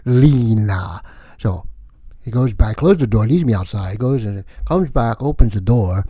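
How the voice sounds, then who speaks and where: A man's voice: fairly low pitch, animated, unhurried, dark tone, no echo, studio quality. Count Vlad, a man doing a wacky vampire. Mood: rambling. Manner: rambling, jokey, self-mocking. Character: boastful male vampire count, wacky comedian. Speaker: comedian character. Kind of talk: comic monologue.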